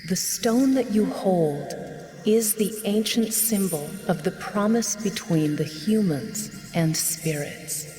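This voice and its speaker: A young woman reading a game's intro narration aloud in a grave, measured way. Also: medium pitch. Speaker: player reading game text aloud. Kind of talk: solemn narration of a game intro. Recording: game music playing behind.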